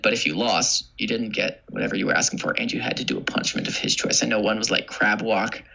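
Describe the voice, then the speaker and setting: A man's voice: lowish voice, flat delivery, quick pace, gravelly, sharp tone, slightly rough, faint music behind, rough recording. A young man telling a rambling school story in casual chat and laughing as he talks. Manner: rambling storyteller who laughs through his stories.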